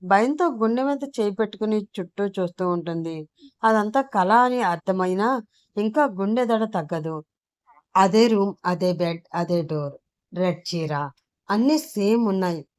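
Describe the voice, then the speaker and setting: A woman storyteller reading a serial story in a steady, dramatic way. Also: medium pitch, dry recording, clean studio sound.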